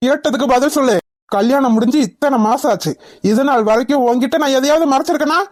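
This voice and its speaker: A woman's voice: high voice, fast talker, a little mellow. A woman voicing a hot-tempered young husband in a cartoon, harshly interrogating his wife. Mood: furious. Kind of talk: Tamil cartoon voice acting.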